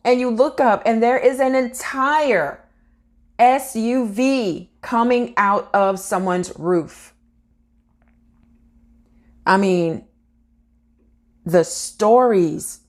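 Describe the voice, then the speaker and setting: A woman's voice: on the high side, drawn-out words, pauses often. A woman reading out a news story and then chatting earnestly to her viewers about it. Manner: earnest, addresses viewers directly. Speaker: vlogger.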